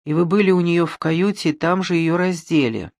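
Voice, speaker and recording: A reader voicing a calm male police detective who questions softly and persistently in an audiobook. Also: medium pitch, fairly quick, dry recording, clean studio sound, lightly acted. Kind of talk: audiobook reading.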